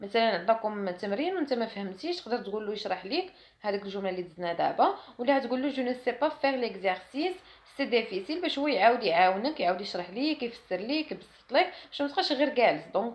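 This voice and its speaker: This woman teaches French classroom phrases with a Moroccan accent, giving her explanations in Arabic. Her mid-range voice swings widely in pitch, and she enunciates the French phrases slowly and carefully.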